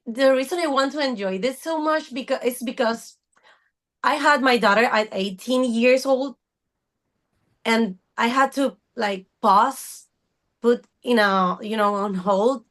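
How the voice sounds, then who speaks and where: A woman's voice: on the high side, a little slow, a bit bright. A woman in her thirties, a guest on a podcast, speaking earnestly and searching for her words. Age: 30s. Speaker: podcast guest, fitness coach. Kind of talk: casual interview talk.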